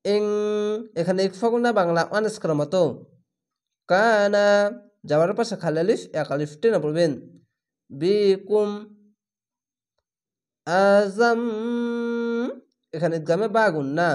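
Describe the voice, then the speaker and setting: A man with a notably high voice leads a step-by-step Quran reading lesson. He draws recited words out at a very slow pace, then drops into plain, patient explanation of each reading rule. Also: a little mellow.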